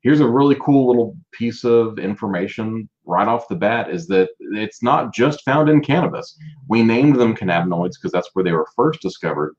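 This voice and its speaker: Deep-voiced man hosting a livestream. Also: animated, normal speed, darkish tone, dull audio. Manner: chatty, greets viewers by name. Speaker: livestream host presenting a business. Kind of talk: casual live-stream presentation.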